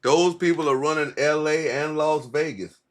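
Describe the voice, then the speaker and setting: A man's voice: fairly high pitch, moderate pace. A man hosting a casual, profane livestream, rambling in a laid-back stoner way with heavy slang and swearing. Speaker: livestream host.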